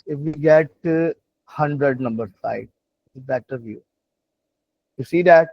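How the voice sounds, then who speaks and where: A man teaches an online class in non-native English, with a creaky, gravelly voice. He explains haltingly, repeating himself and checking in often. The sound is dry and dull, like a lo-fi call. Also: a little high, dry recording. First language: not English. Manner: halting, repetitive explaining with frequent check-in questions. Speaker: instructor of an AI training class. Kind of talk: live online lesson, explaining while demonstrating on screen.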